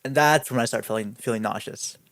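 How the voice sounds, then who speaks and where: A man's voice: mid-range voice, fairly quick, fairly bright tone. A young man co-hosting a podcast, telling a story in a casual way, laughing often and saying "like" a lot. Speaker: podcast co-host. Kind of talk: casual chat.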